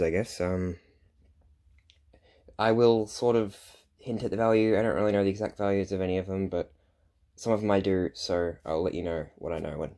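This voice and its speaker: A man's voice: sits low, a little mellow. A young man chatting casually as he hosts a top ten countdown of his collection, with self-deprecating asides. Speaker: collector, video host.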